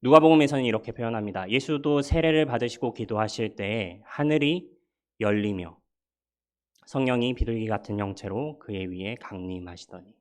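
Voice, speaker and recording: A man's voice: medium pitch, normal speed, darkish tone. A middle-aged male pastor giving a sermon in a conversational, humorous and persuasive way.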